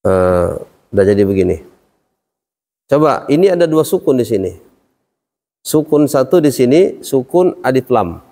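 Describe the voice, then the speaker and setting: A man's voice: medium pitch, big pitch swings, a little slow, pauses often, warm tone. Male teacher in an echoing hall. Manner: questioning, explains step by step. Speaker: Quran recitation teacher. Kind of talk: classroom lesson. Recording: long reverb hall.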